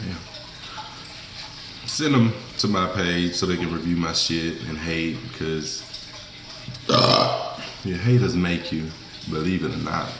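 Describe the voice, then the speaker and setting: Deep-voiced young Southern man from Mississippi. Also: fairly even intonation, takes it slowly, creaky, pauses often, reverberant, noisy background. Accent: Southern US, rural Mississippi. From Mississippi, USA. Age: young adult. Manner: colloquial, folksy, informal slang. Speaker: food vlogger. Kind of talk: casual mukbang chat to viewers. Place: small indoor room, seated at a table.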